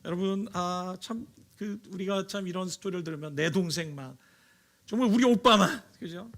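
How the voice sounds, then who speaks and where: A man preaching a sermon, his voice sitting a bit higher than most men's. He tells the story with animation and punches up the quoted lines. His delivery is dotted with hesitant filler sounds. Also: moderate pace, fairly bright tone. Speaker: pastor.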